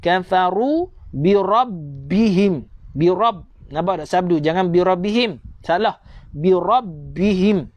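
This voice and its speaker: A man with a Malaysian accent teaching a tajwid lesson online, repeating points and coaxing listeners to recite after him. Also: high voice. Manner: repetitive, coaxing teacher, slows to drawn-out recitation.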